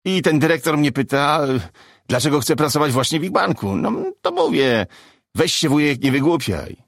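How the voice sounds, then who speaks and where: A man's voice: a little high, very animated, moderate pace, creaky, no echo, clean studio sound, pitched above the performer's own voice, exaggerated voice. A man doing a nervous, strained stand-up comic. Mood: joking. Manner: eager, strained joke telling. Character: nervous, skinny young male stand-up comic.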